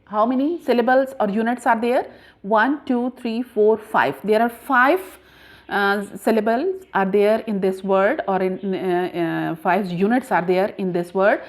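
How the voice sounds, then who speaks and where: A woman teaching a grammar lesson patiently, spelling words out letter by letter with frequent pauses. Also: mid-range voice. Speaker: English teacher.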